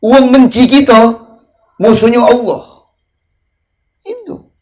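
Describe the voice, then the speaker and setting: A male preacher with a Palembang accent gives a humorous, colloquial sermon at a religious study gathering. His voice sits high and has a gravelly, creaky edge. He drags out his chanted invocations slowly between the jokes. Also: animated, darkish tone. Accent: Palembang Malay. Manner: joking, drawn-out chanted invocations. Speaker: ustadz preacher.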